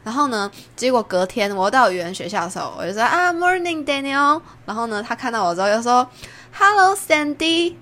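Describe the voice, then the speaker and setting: A young woman from Taiwan with a Taiwanese Mandarin accent, hosting a podcast and chatting through a personal story, jumping up in pitch when she acts out what people said. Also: racing, hardly any pauses. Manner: chatty, acts out quoted lines with big pitch jumps. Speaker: podcast host. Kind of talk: casual storytelling monologue.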